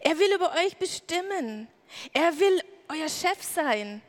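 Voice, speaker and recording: A woman's voice: extremely high pitch, lively intonation, slow pace. A woman preaching a sermon, retelling a Bible story vividly and acting out the characters' lines. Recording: long hall reverb.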